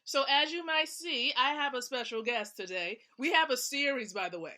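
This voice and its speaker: A woman hosting a nightly live stream from home, energetic and encouraging, laughing often as she talks to viewers. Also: sits high, moderate pace. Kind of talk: upbeat live-stream talk.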